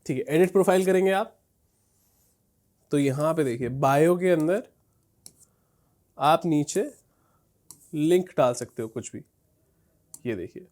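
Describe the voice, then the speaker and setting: A man's voice: fairly high pitch, measured pace, long pauses, a little mellow. A man teaching a casual screen-share tutorial, talking conversationally with frequent fillers and check-ins. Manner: conversational, repeats "thik hai" and "dekhiye", frequent fillers. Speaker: instructor teaching Instagram growth.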